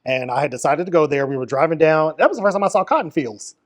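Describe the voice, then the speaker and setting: A woman's voice: low voice, lively intonation, fast talker. A woman hosting a casual interview, playful and teasing, often affirming her guest. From Atlanta area. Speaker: podcast host.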